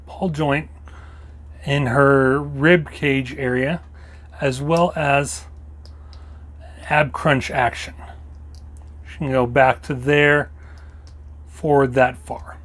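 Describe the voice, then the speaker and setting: A man's voice: mid-range voice, fairly even intonation, extremely slow, long pauses, fairly bright tone. A man hosting a toy review, slightly losing his voice, walking through each detail step by step in a casual show-and-tell style.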